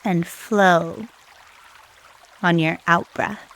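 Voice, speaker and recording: Speaking slowly and soothingly, a woman leads a guided meditation, leaving long silences between brief phrases. Her voice is on the low side and a bit bright, with fairly even intonation and some vocal fry.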